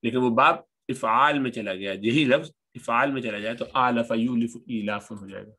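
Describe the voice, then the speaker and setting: A man's voice: medium pitch, bright, forceful tone, husky. Man patiently teaching Arabic grammar. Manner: patient, repeats each form slowly while explaining. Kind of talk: recorded lesson explaining grammar.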